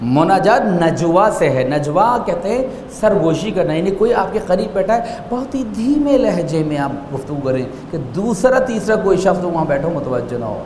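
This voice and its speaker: High-voiced preacher in an echoing hall. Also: male voice, very animated. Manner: emphatic rhetorical questioning, swinging from raised to hushed. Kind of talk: sermon. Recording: echoey hall with faint background noise.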